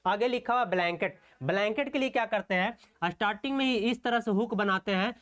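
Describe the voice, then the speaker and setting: In an online shorthand class, a man with a high-pitched, slightly bright voice explains strokes slowly and step by step as he writes them. He often poses rhetorical questions and checks in with "okay."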